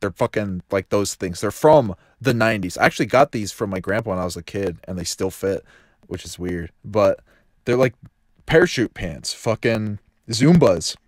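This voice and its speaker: A man's voice warped by a glitchy mic into a deep demonic half-robot growl, fairly low in pitch. He rambles and swears his way through loose podcast banter. The sound is dry and close. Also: lively intonation, moderate pace, no echo. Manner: rambling, swears constantly, laughs often. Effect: distorted deep demonic, half-robot mic filter. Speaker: podcast co-host. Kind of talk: casual profane podcast banter.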